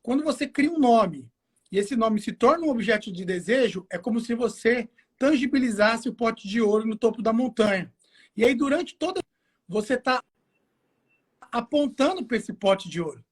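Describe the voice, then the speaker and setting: A man's voice: extremely high pitch, lively intonation, normal speed, husky. Casting: male Brazilian guest expert, informal and slangy, explains through self-answered questions. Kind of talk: casual explanatory chat. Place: home garage.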